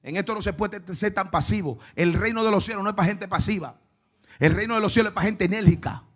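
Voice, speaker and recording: Preaching a lively Pentecostal sermon at a quick pace, a male pastor uses a high, bright-pitched voice. His delivery jumps from almost-whispered asides to loud shouts, and he keeps asking the congregation questions along the way.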